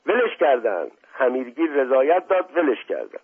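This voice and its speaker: A man voicing a frantic older male servant who shouts out of breath, in a husky voice on a phone-like recording. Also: medium pitch, big pitch swings, pitched above the performer's own voice, heavily acted. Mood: urgent.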